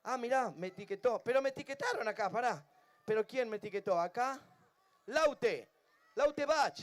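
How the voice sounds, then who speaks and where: Argentine guy entertaining a crowd of kids outside, chatty and coaxing, super high voice. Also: lively intonation, normal speed. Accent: Argentine Spanish. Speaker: children's entertainer and singer. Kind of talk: live stage banter with a crowd. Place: outdoor public event.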